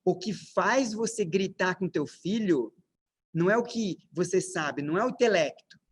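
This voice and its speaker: A man's voice: sits high, expressive, moderate pace, slightly rough. A Brazilian man with a Brazilian Portuguese accent gives a lecture on parenting, asking his audience many rhetorical questions and stressing his points with emphasis. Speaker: parenting speaker. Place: lecture room with slides.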